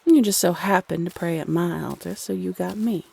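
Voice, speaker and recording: Woman acting as a sassy, gravelly female Cupid. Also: lowish voice, normal speed, darkish tone, exaggerated voice. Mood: friendly, sassy. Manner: sassy, chatty, teasing, uses pet names. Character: playful, teasing female Cupid, bossy little love goddess. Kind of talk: scripted audio roleplay addressed to the listener.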